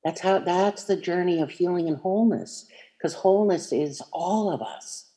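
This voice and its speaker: Gentle, meandering spiritual speaker. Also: medium pitch, moderate pace. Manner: meandering, hesitant, many fillers and restarts; gentle and inviting. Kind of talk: reflective spiritual talk.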